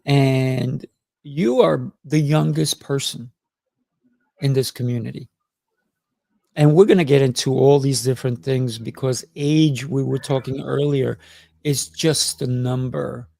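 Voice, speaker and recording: Warm and encouraging, this middle-aged man hosts a conversational podcast interview, dropping in frequent affirmations as he chats. His creaky, mid-range voice stays fairly even and a little slow, on a dry recording.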